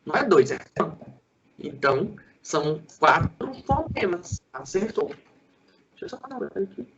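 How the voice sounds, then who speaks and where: A male school teacher giving a Portuguese lesson, sounding out syllables slowly and quizzing a student. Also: a little high, big pitch swings, highs cut off, noisy background. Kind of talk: lively classroom lesson for sixth graders.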